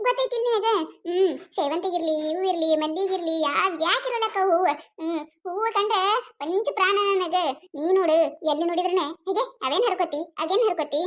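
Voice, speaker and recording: Nervous cartoon village woman, woman voicing, very high squeaky voice, North Karnataka accent, fretful. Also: fairly bright tone, a little hiss or hum. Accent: North Karnataka Kannada. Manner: fretful, repeats worried phrases. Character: timid gossipy village woman, always fearful.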